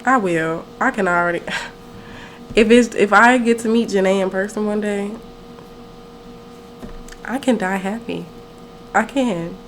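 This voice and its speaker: A woman's voice: medium pitch, slow pace, long pauses, a little hiss or hum, poor audio. A nineteen-year-old woman telling a story on her own podcast, chatty and rambling, often correcting herself mid-sentence. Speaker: podcast host. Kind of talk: casual storytelling.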